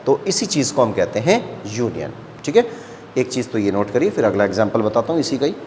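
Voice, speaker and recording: A man's voice: mid-range voice, very animated, a little fast, darkish tone, in a large hall, slight background noise. A man teaching a maths lesson, explaining step by step and often checking whether the class understands.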